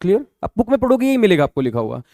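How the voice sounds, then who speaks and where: High-voiced man teaching accounting, dry sound. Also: very animated, racing, dark tone, no echo. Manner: explains patiently, repeats key terms, quizzes listeners with checking questions. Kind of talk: classroom lecture.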